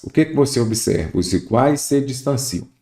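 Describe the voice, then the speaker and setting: A man's voice: medium pitch, animated, normal speed, mellow. A man teaching an exam-prep lesson, explaining rules step by step and speaking directly to the student. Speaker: Portuguese teacher. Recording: roomy echo.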